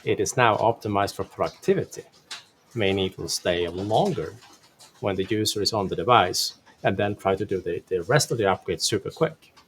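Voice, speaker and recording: Low-voiced man explaining tech, noisy stream. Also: normal speed, fairly bright tone. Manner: explanatory, informal. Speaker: tech presenter on a live stream. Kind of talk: casual technical talk. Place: live stream during a thunderstorm. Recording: clearly noisy live-stream connection.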